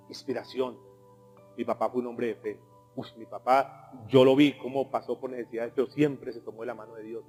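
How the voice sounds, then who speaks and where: A man preaching a sermon as pastor, swinging from raised exhortation to hushed, intimate asides aimed straight at the congregation. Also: mid-range voice. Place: church hall. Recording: long hall reverb with soft music behind.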